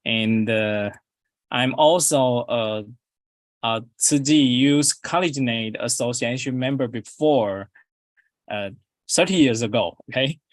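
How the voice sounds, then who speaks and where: A middle-aged Taiwanese dentist whose first language is Chinese gives a prepared guest talk in English over a video call. His medium-pitched voice sounds dry with no room sound, and he speaks slowly and haltingly, with lots of uhs, fillers and restarts.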